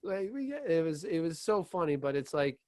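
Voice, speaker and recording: A man co-hosting a casual sports podcast, excitable, rambling and full of "like" and restarts. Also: on the high side, fairly quick, dry recording. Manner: excitable, laughs easily. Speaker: podcast co-host.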